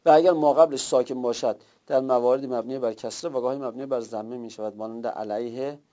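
A man's voice: mid-range voice, steady tone, dark tone. A man teaching a classroom grammar lesson, explaining step by step and repeating himself for emphasis. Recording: dull lo-fi recording.

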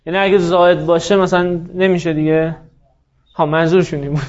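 A man teaching a grammar class in a notably high voice, walking through each rule step by step. He keeps turning to students with questions, calling on them by name. The recording is dull and lo-fi. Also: fairly even intonation. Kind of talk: classroom lecture.

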